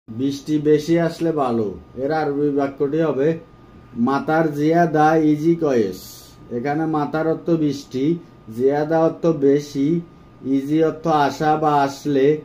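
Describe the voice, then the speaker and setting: A man giving a phrase-by-phrase language lesson, saying each phrase and then repeating it slowly and carefully. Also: a little high, warm tone. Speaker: language teacher.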